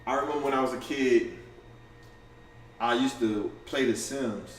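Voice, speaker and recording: A man in a casual livestream to camera, talking fast and loosely with lots of slang, profanity, restarts and "you feel me" asides. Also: mid-range voice, a little hiss or hum. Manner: fast and offhand. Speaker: content creator going live. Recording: roomy, distant camera audio with faint ambience.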